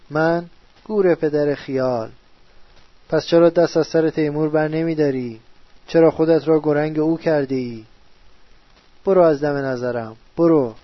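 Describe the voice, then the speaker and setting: A man's voice: on the high side, dry recording, natural voice. An actor playing a distraught man who argues and pleads with himself at night, in an agitated, quarrelsome way, in a radio drama. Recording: dull, dry studio recording.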